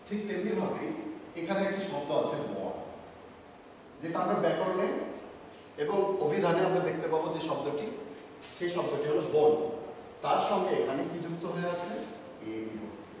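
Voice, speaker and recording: A male teacher giving a slow, measured grammar lesson with pauses between words, recorded in an office room. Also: fairly high pitch, darkish tone, slight background noise. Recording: echoey room from far off.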